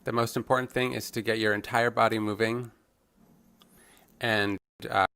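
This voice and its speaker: A man with a fairly low voice works as a live interpreter for a fitness class. He calls out workout instructions in an upbeat coaching manner. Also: little pitch movement, moderate pace, sharp tone, smooth.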